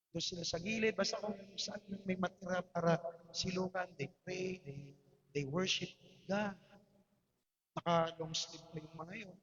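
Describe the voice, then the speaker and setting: A man's voice: on the high side, a bit bright, breathy edge. A Filipino man preaching a sermon, his voice strained, with emphatic repetitions and rhetorical questions. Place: church hall. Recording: dull livestream audio in a reverberant hall.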